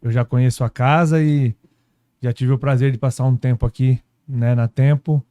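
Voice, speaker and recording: A man from São Paulo state telling his story as a guest pastor, unhurried, tagging his sentences with little questions. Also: medium pitch, fairly even intonation, dark tone. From São Paulo state, Brazil. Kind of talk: casual testimony conversation. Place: podcast studio.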